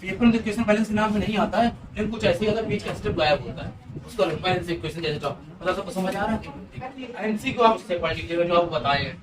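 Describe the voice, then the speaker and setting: A man's voice: high voice, fast, a crowd in the background. A male teacher gives exam-prep advice to students in a coaxing, repetitive way. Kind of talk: exam-prep class lecture. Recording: noisy room, voice from a distance.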